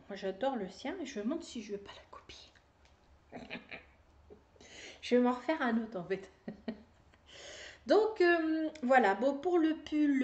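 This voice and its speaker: Woman knitting vlogger, casual, rambling, self-mocking, a touch high-pitched; roomy echo. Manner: chatty, rambling, many fillers, laughs at herself. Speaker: knitting video podcaster. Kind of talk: casual chat to camera.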